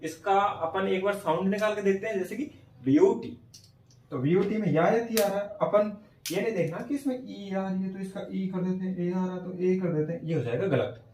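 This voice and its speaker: A male teacher giving a classroom lesson on phonetic transcription, slowly sounding out words and often checking whether students follow. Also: high voice, darkish tone, a little hiss or hum. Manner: slow, repeats sounds and checks understanding often. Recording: echoey room from far off.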